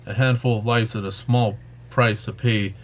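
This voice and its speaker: A man's voice: lowish voice, fairly even intonation, moderate pace, slight background noise, close to an everyday voice. A man reading as an obsessed young woman's journal. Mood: ominous. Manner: plain reading of dark diary lines.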